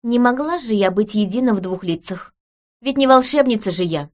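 A woman reading an audiobook, voicing a calm, earnest young woman who speaks in a serious, matter-of-fact way. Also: mid-range voice, moderate pace, lightly acted.

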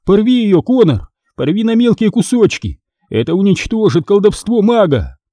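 A man reading aloud, voicing a frightened boy hero who shouts urgent pleas. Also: high voice, sing-song, moderate pace, no room sound, studio quality, pitched above the performer's own voice. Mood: desperate.

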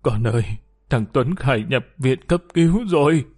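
A man's voice: mid-range voice, moderate pace, a little mellow, natural voice. A man voicing an older mother who talks in a tearful, fretful way. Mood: distraught. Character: older mother, frantic and weeping over her son.

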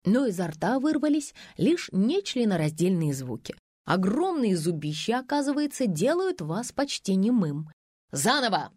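A woman narrating a comic first-person audiobook with wry, deadpan humor. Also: medium pitch, normal speed, dry recording, studio quality.

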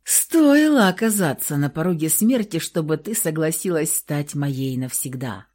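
A woman voicing a wounded ancient male vampire, weak and tender, with a hoarse, hushed voice in an audiobook reading. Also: low-pitched, lively intonation, measured pace.

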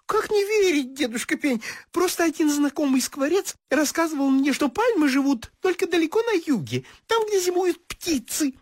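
Трескучую весёлую Синицу. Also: female voice, no echo, clean studio sound. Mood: excited. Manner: fast, squeaky, excitable chatter. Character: cheerful chattering little female tit bird.

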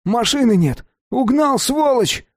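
A man voicing a hot-tempered young man who curses loudly and indignantly. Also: very high-pitched, expressive, a little slow, no echo, clean studio sound, voice pushed up, full character voice. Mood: furious. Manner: loud, cursing, indignant.

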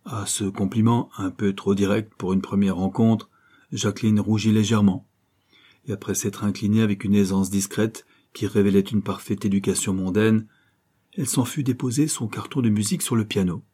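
A man giving a measured, formal scripted narration of a classic novel as an audiobook reader. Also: fairly low pitch, fairly even intonation, warm tone, husky.

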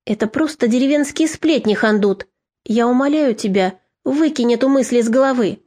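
A woman's voice: a little high, moderate pace, warm tone, lightly acted. A woman doing a fierce old grandmother. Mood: pleading.

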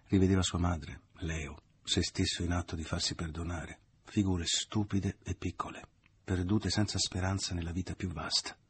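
A man narrating a literary novel as an audiobook, in a measured, even reading. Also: low-pitched, husky.

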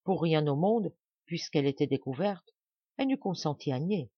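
A woman reading a classic novel aloud as an audiobook narrator, measured and dramatic. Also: sits low, expressive, breathy edge, dry recording, lo-fi sound. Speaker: audiobook reader. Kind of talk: scripted narration.

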